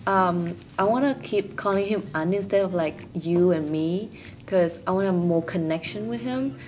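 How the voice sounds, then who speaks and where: A woman's voice: lowish voice, moderate pace, a little mellow, a little hiss or hum. Young woman. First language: Vietnamese. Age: young adult. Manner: simple, plain phrasing in a second language. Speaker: interviewee. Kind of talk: casual interview answers.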